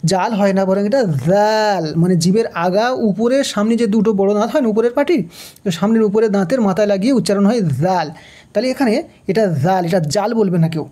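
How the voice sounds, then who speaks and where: A woman teaching Quran recitation step by step, speaking Bengali with a Bangladeshi accent, repeating syllables slowly and asking then answering her own questions. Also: medium pitch, warm tone.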